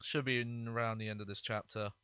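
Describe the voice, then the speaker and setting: A man giving casual video game commentary as a streamer, rambling in halting asides. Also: medium pitch, little pitch movement, bright, forceful tone, clean tone, dry recording. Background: game music.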